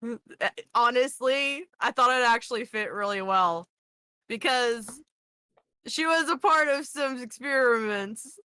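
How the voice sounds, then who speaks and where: A woman's voice: on the high side, a little slow, bright, forceful tone, clean tone, dry recording. A woman chatting casually as a player in a tabletop roleplaying group. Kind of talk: casual chat.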